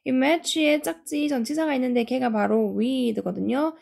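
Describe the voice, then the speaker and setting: Woman teacher, gravelly, methodical grammar explainer. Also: sits high, a little mellow. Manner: explains step by step, reads English sentences slowly. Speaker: English teacher. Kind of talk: grammar lesson.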